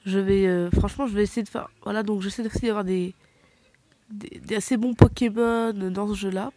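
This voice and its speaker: A woman's voice: mid-range voice, steady tone, moderate pace, mellow, dry recording. Hesitant young-sounding French woman rambling. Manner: rambling, hesitant, many fillers and self-corrections. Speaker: gaming vlogger. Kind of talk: casual chat showing game collection.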